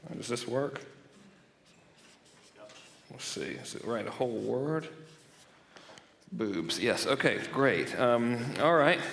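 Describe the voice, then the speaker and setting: A man's voice: medium pitch, lively intonation, slow pace, creaky, pauses often, a bit bright, slight background noise. A man at a marketing workshop who talks in a mid-range voice, loose and profane, and often laughs at his own jokes. His voice carries a long reverb from the event hall around him. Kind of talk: joking seminar talk. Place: event room stage.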